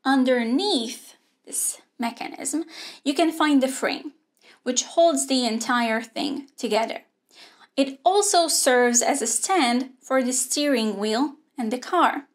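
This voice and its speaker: A young woman teaches an online robotics lesson from a studio. She speaks slowly and clearly, at a slightly high pitch, and explains each part step by step. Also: expressive. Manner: clear, measured explaining with hand gestures. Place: indoor studio with a grey backdrop.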